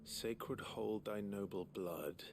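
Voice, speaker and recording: An actor playing a calm, steady young male warrior in a video game, speaking in a measured, thoughtful way. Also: on the low side. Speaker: game protagonist. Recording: game audio with background noise.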